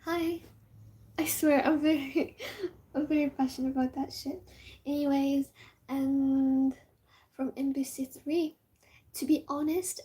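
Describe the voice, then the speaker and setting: A young Moroccan woman vlogger, whose first language is Amazigh (Tamazight), speaks with a Moroccan accent in a voice that sits high. She chats casually and excitably, rambling with many fillers and sometimes dropping into whispers.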